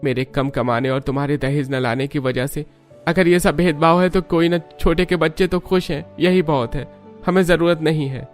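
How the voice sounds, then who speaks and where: A resigned poor husband from a cartoon, voiced by a man, speaking in a calm, consoling way. His voice sits a bit high, with soft music playing underneath. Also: moderate pace, lightly acted. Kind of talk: cartoon voice acting.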